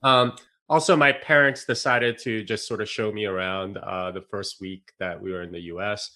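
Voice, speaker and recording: A man's voice: on the low side, fairly even intonation, moderate pace, sharp tone. A man from South Korea, a podcast guest, telling stories in a casual, rambling way with lots of fillers, restarts and laughs. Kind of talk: casual interview chat.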